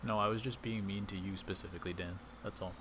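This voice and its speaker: Streaming his baseball video game, this man chats with viewers and responds to their messages as he plays. He speaks at a quick pace in a low voice with a steady tone, amid heavy background noise.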